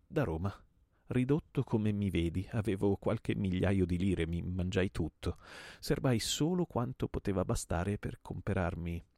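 A man's voice: sits low, lively intonation, a little slow, dark tone, no echo, clean studio sound. A man reading a play aloud and voicing a desperate, grim man bent on murder, with an intense, menacing delivery.

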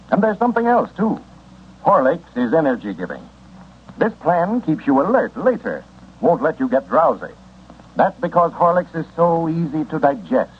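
A male announcer on a scratchy, muffled old-time radio broadcast, his voice husky and grainy. His folksy sales pitch rises and falls with a lively sing-song lilt. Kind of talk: scripted old-time radio sponsor read and narration.

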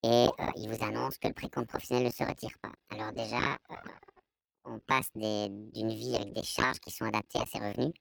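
A man with a Belgian French accent giving a hesitant, explanatory testimony, his voice artificially pitched down to disguise it. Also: little pitch movement, a little fast, gravelly, a bit bright, no room sound. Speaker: anonymous interviewee giving testimony. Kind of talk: personal testimony in an interview.

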